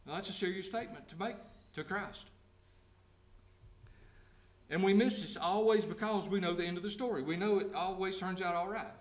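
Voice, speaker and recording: A man preaching a sermon. He reads scripture slowly, then explains it in plain everyday words and asks the congregation direct questions. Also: sits high, roomy sound. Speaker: pastor. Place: church sanctuary.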